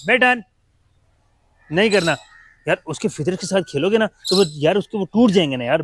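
A man's voice: fairly high pitch, a little hiss or hum. A man chatting casually as he shows his mini zoo, fondly talking to his birds and pets. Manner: chatty, fond, talks to his animals. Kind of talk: casual vlog chat.

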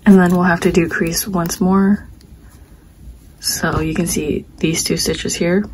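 A young woman, slightly hoarse, teaching a step-by-step crochet tutorial and counting her stitches aloud as she works. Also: fairly low pitch, unhurried, a crowd in the background, low-quality recording. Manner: calm, talks while working, counts stitches aloud. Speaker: crochet instructor.

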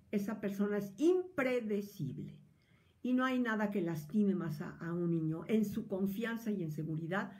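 A Mexican woman psychologist giving an explanatory talk to listeners, expressive and animated, sometimes dropping into a whisper. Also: on the low side. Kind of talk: explanatory lecture addressing listeners.

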